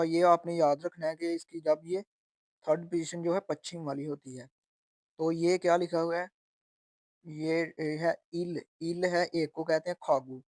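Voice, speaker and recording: A man explains textbook vocabulary, slowly repeating each word and its meaning. His voice sits a little high. The recording is close and dry, with no room sound. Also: a little mellow, no room sound. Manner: slow and repetitive, spelling out sounds and meanings. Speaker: language teacher.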